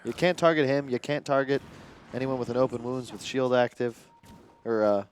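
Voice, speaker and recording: An American man calls a live esports match, reacting fast and painting the action with colorful phrases. His voice is at an everyday middle pitch for a man, and he often breaks into laughter between calls. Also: a little hiss or hum. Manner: lively, quick to exclaim and laugh, vivid phrasing. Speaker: esports play-by-play commentator.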